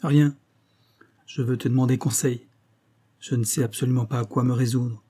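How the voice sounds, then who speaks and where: A man's voice: medium pitch, fairly even intonation, moderate pace, warm tone, slightly rough, natural voice. A man voicing a young male engineer, anguished and nervous, with a strained, pleading delivery.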